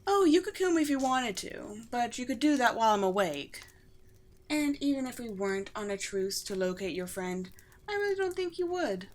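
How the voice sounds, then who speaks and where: A woman with a fairly high pitch plays a gentle, regal undead vampire queen in a scripted ASMR roleplay. She speaks formally and poetically, with tenderness and light amusement.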